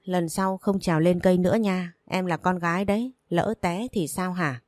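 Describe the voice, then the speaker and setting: A woman reading the lines of a young father who gently scolds and teases, in a plain audiobook reading voice. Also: lowish voice, steady tone, moderate pace, no room sound, clean studio sound, close to an everyday voice. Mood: teasing, scolding. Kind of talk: audiobook narration.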